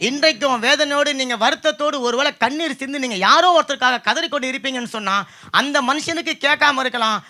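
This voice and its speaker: Male pastor, high, very bright sharp voice, fervent sermon delivery. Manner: fervent preaching, calls for amen.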